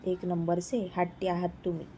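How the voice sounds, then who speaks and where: A woman's voice: fairly low pitch, completely flat delivery, normal speed, warm tone, slight background noise, close to an everyday voice. A woman voicing a proud young woman who speaks in a reproachful way, in a spoken romance story.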